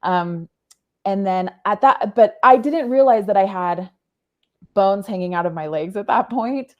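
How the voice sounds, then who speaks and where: A woman's voice: medium pitch, dull audio. A woman, a podcast guest, telling a personal story in earnest, often stopping to find the right words. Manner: earnest, halting, often stops to rephrase.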